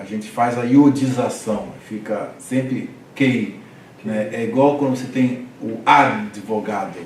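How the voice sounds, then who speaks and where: A man's voice: mid-range voice, a little hiss or hum. A man teaching a reading class, patiently spelling out syllables and asking students to repeat after him. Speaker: Hebrew teacher. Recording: roomy echo, distant mic, faint ambience.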